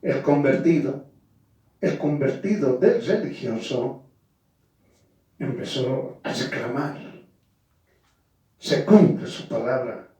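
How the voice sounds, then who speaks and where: A man with a slightly high, warm voice preaches a firm, emphatic sermon, often speaking straight to listeners and calling them "hermano." He's recorded far from the mic in a very echoey space.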